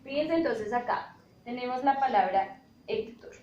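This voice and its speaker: A woman teacher explains things step by step in a classroom style, often checking in with "¿listo?" and spelling out letters. Her voice is fairly high and dark-toned, with lively intonation and a measured pace, but the audio is dull, with room echo and faint noise.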